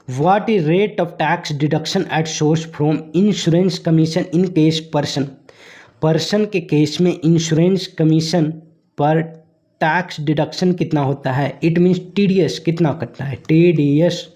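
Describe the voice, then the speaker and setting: Guy going over exam questions real slow, throat a bit sore, talks in a fairly high voice. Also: darkish tone. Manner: mixes English terms into explanations, asks viewers to think. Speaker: teacher. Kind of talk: exam revision lecture.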